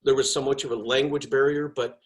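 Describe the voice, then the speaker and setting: Man giving a casual speech, enthusiastic storytelling, mid-pitched voice. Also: flat delivery, fairly quick. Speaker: past club president. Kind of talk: personal speech.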